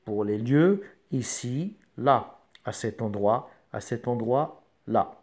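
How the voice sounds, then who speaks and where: A man's voice: medium pitch, expressive, slow, darkish tone. Man dictating a lesson in short phrases. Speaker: French grammar teacher. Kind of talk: instructional lesson, reading out examples.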